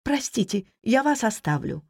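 A woman reading an audiobook voices a young woman with polite, soft manners that hide malice. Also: on the high side, big pitch swings, moderate pace, creaky, breathy edge, voice pushed up, exaggerated voice. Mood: sweetly polite.

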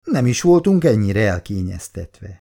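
A man's voice: lowish voice, sing-song, creaky, mellow, heavily acted. A man voicing a young adult son who playfully teases and soothes his mother. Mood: playful soothing.

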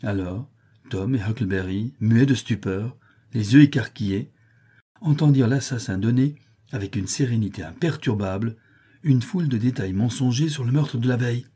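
A man reading a classic novel aloud as an audiobook narrator, in a steady, measured way. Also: mid-range voice, slightly rough.

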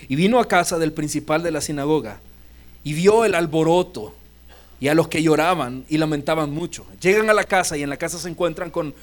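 A man's voice: a little high, fairly quick. Fields: Role: pastor. Sex: man. Style: vivid storytelling sermon. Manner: storytelling, acting out scenes and questioning the congregation. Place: church.

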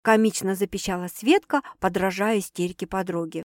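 A woman narrating an audiobook in an even storytelling read. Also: medium pitch, brisk, no room sound, clean studio sound. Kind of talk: scripted narration.

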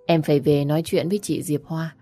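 A woman voicing a calm, firm young wife. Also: low voice, brisk, soft background music. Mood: gentle. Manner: soothing, firm. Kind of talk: audiobook character reading.

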